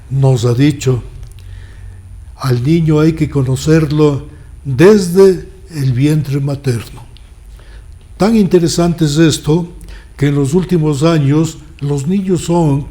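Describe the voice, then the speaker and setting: Male talk show host, very slow pace, warm mellow voice, measured and deliberate. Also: fairly high pitch. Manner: measured and deliberate, sums up the guest's points.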